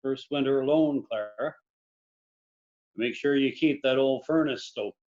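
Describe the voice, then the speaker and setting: A man's voice: medium pitch, unhurried, a little mellow, natural voice. Man acting an avuncular neighbor, slightly muffled. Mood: friendly, concerned. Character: avuncular, neighborly older man, protective and folksy. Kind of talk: period drama screenplay reading.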